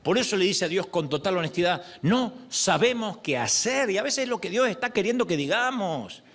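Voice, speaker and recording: Middle-aged male pastor, fairly high voice, lively sermon delivery. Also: fast talker. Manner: expressive, acts out quoted prayers and voices.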